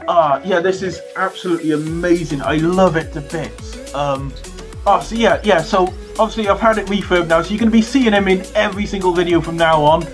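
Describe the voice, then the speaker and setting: High-voiced man muffled inside a costume head. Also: fairly quick, soft background music. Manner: gushing, excitable. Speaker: vlogger. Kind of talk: excited unboxing vlog.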